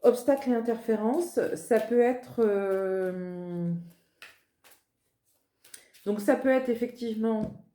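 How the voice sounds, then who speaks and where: A woman's voice: on the high side, slow pace, long pauses, mellow. A woman, a medium giving a casual, chatty card reading at her desk, joking at her own expense. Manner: chatty, self-mocking, laughs at herself. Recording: roomy echo.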